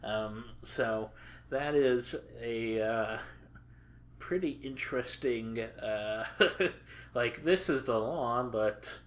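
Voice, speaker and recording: Slow, halting man on a podcast. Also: mid-range voice. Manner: halting, many filler pauses, dry crude jokes. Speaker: podcast co-host. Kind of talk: casual podcast chat.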